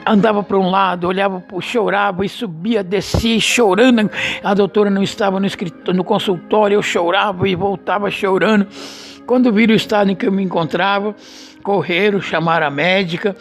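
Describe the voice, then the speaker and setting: A man giving an emotional religious testimony, telling his story slowly and dramatically with many repeated phrases. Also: high voice. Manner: slow, repetitive, dramatic storytelling. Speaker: church member giving testimony.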